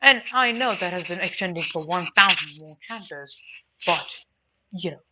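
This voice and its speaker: Her pitch is fairly low, yet her intonation is lively and her tone bright and forceful as she talks at a normal speed. This anime and manga reviewer offers a rambling, casual opinion, stressing points by repeating words, on a dull lo-fi mic with faint noise.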